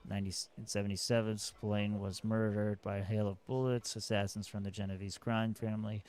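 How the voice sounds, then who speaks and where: A game streamer, a man, reading notes aloud and thinking out loud in casual commentary. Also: lowish voice, little pitch movement, brisk, clean tone.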